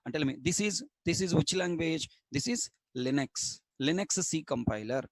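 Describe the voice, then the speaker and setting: A stern programming instructor from Coastal Andhra teaches an online class in Telugu-accented Indian English, repeating his points and quizzing students. His voice is a little high with lively intonation, delivered at a moderate pace with no echo.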